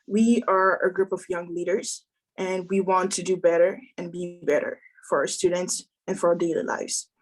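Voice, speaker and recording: A woman's voice: lowish voice, normal speed. A young woman from the Democratic Republic of Congo, a student government president, giving an earnest welcome speech and introducing a panel. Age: young adult. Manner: earnest, welcoming, steady delivery with some fillers.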